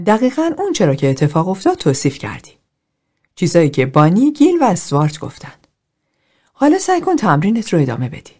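Woman reading a gentle male therapist: soft, coaxing, patient, lively delivery. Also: lowish voice, breathy edge, heavily acted.

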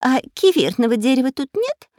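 A narrator squeaking as a whiny greedy spy. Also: big pitch swings, brisk, darkish tone, dry recording, studio quality. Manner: whining, squealing.

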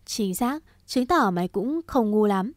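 Người phụ nữ đọc giọng gã trai côn đồ hay chửi bới. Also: female voice, medium pitch, animated, unhurried, no echo, clean studio sound, close to an everyday voice. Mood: taunting. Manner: mocking, swearing, provocative. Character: crude scheming young man, taunting and foul-mouthed.

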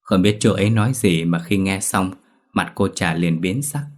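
Deep husky man telling a ghost story. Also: normal speed. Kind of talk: scripted horror story narration.

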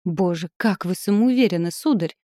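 Young noblewoman, proud and indignant, read by a woman; mellow, dry close sound. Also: on the low side, moderate pace, no room sound, lightly acted. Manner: pleading, then sharply indignant. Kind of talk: audiobook character reading.

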